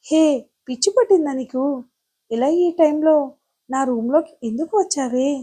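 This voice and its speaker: A woman voicing an angry young man who sharply scolds and shouts at his cousin in an audio story. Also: high voice, unhurried, breathy edge.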